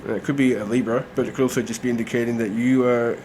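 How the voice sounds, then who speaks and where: With a medium-pitched voice and a quick delivery, a man reads tarot in a laid-back, talkative way despite a cold that leaves him nasal and congested. He leans on lots of fillers, and a little hiss or hum is audible.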